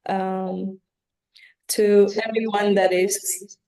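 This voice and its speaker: Woman from Bangladesh, council member, meeting report, unhurried, warm low tone, hesitant fillers. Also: little pitch movement. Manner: soft-spoken, hesitant with many fillers.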